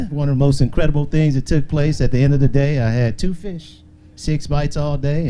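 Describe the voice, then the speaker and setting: A man with a mid-pitched, dark and relaxed voice gives a grateful, informal angler's thank-you speech. The live sound carries faint noise and hum. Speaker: tournament angler.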